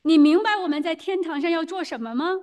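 A woman interpreting a sermon phrase by phrase, quick and hesitant, with fillers and self-corrections. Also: extremely high pitch, darkish tone.

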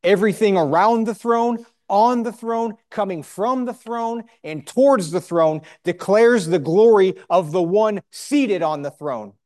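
A man preaching a sermon in short emphatic phrases, pausing for a live interpreter, with rhetorical questions. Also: high voice, a little mellow.

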